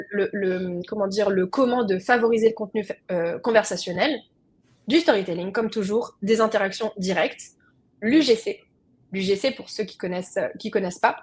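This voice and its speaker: A woman's voice: medium pitch, husky. A young woman presenting a webinar as a trainer, explaining in a conversational way and speaking straight to her audience over a video call.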